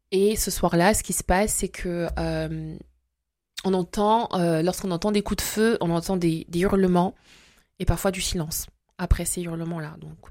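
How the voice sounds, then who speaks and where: A woman raised in Congo-Brazzaville, telling her faith testimony as an interview guest, hesitant with many pauses and fillers. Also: lowish voice, a little mellow, dry recording, clean studio sound.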